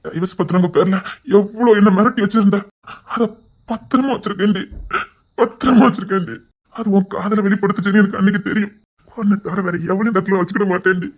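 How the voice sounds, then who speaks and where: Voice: mid-range voice, fairly even intonation, quick pace, natural voice. A voice actor doing a devoted pleading husband. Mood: pleading, scolding. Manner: pleading, swearing loyalty, scolding loudly. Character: devoted young husband, loud and protective. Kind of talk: Tamil romance audio drama.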